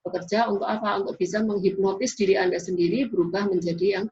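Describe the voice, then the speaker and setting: A woman's voice: mid-range voice, steady tone, quick pace, darkish tone. A woman giving a classroom lecture in an explanatory way, often tagging sentences with a questioning "ya". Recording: dull lo-fi recording.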